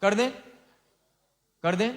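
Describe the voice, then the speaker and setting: A man, a monk, gives an informal sermon on lay vows, teasing his listeners and quizzing them with quick repeated questions. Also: sits high.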